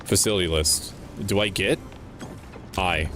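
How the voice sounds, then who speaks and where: Music plays in the background of this indoor livestream, where a male VTuber with a low-pitched voice talks at a measured pace. He thinks aloud while playing, offering casual, playful commentary peppered with swearing.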